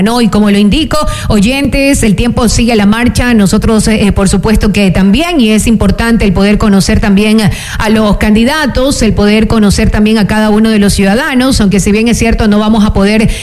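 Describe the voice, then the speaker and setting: A woman's voice: fairly high pitch, a little mellow. A woman hosting a radio interview in a formal announcer tone, often ending phrases with tag questions. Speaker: radio host.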